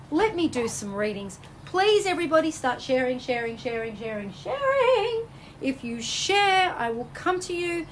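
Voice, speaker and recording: With a fairly bright tone and a bit of hiss or hum in the background, an Australian woman works as a psychic medium on a live stream. She reads viewers' comments effusively, alternating between excited highs and soothing lows.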